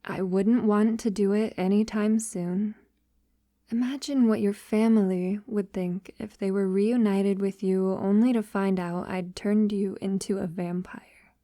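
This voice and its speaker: Speaking close and dry with no echo, a woman plays an ancient, tender vampire addressing her lover in an audio roleplay. Her medium-pitched voice stays steady, dark, and soft, near an everyday voice, moving very slowly with hesitant pauses and breathy near-whispers. She sounds hesitant and vulnerable.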